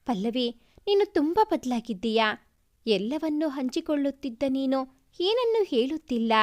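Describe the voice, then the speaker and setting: A woman voicing a young woman's close friend who chides and teases. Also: high-pitched. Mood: hurt. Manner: chiding and teasing.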